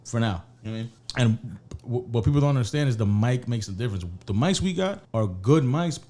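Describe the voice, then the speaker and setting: A man co-hosting a casual podcast chat, loud, slangy and profane, close to the mic. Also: mid-range voice, expressive, fast talker. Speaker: podcast co-host.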